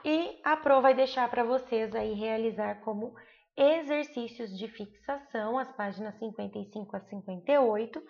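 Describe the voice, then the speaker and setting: A Brazilian woman teaching an online grammar lesson, her fairly high voice carrying a gravelly edge. She draws out each example word and keeps checking in with her class. The recording is dull and lo-fi. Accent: Brazilian Portuguese. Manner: slow, drawn-out example words with frequent checks like "tá bom?". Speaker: primary school teacher.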